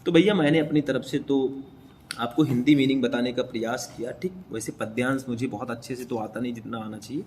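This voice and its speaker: A man's voice: mid-range voice, fairly even intonation, brisk, darkish tone, slight background noise. A young man teaching a class, explaining a poem line by line and often checking in with his listeners.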